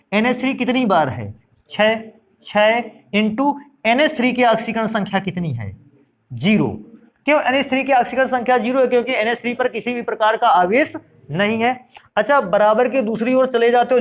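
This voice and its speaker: In a friendly classroom lecture, a male chemistry teacher poses questions to his students and then answers them himself. He calls them "beta" and "bhaiya," and his voice sits high.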